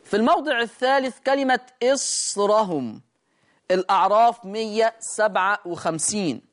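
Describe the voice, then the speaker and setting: A man with an Egyptian accent teaching a Quran recitation lesson, drawing out each example word slowly as he demonstrates it. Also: high voice, animated, fairly bright tone. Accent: Egyptian Arabic. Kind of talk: recorded tajweed lesson.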